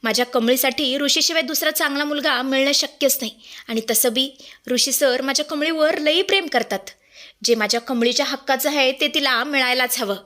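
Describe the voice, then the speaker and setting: A woman's voice: sits high, moderate pace, sharp tone. A woman reading as a fretful maid. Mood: worried. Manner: fretful, talking to herself. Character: anxious rural maidservant, loyal and worried.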